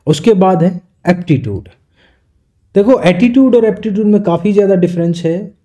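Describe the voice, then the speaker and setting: A man teaching an exam-prep lecture, explaining in Hindi and reading definitions slowly in English. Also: high voice, animated, mellow.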